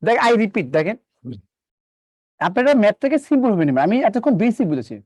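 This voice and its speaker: Male math teacher, rapid patter, swinging pitch, keeps re-asking the class. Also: big pitch swings, a little mellow, no echo. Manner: repeats questions to students, coaxing and drilling. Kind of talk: live online math lesson.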